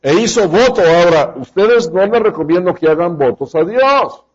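A man's voice: high-pitched, animated, moderate pace, breathy edge, highs cut off. A man preaching a sermon, speaking straight to his congregation and acting out the lines he quotes. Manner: addresses the congregation directly.

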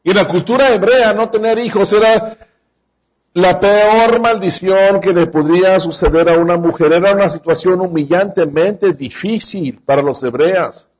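A man delivers a sermon in a fairly high voice. He speaks straight to his listeners and acts out the lines he quotes. The recording sounds dull and lo-fi. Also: normal speed, darkish tone, breathy edge. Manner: addresses the congregation directly. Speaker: preacher.

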